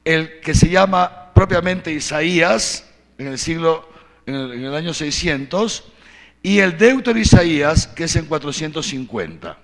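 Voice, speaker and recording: A man giving a catechesis talk, telling Bible stories with lively acted-out quotes and frequent tag questions. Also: on the high side, a little slow, creaky. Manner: animated storytelling, acting out biblical quotes. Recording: long hall reverb.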